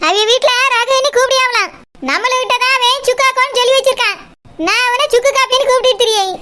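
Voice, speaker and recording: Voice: very high-pitched, quick pace, pushed and bright. A performer voicing a bossy, teasing village woman who owns a shop, in a cartoon. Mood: scolding. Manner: teasing, scolding, blunt. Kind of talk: cartoon voice acting.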